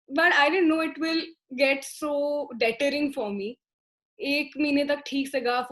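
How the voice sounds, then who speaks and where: A woman's voice: high-pitched, rough recording. A young woman moderating a panel in a conversational, reflective way. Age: young adult. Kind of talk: casual panel discussion.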